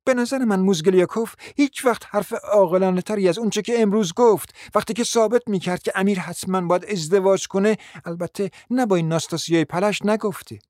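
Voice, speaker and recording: A proud, scheming middle-aged mother , played by a man in a radio drama, pleading and insisting at length in a high voice. The recording is dry and close, with no room sound. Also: few pauses, darkish tone, no echo, natural voice. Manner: pleading, insistent and long-winded.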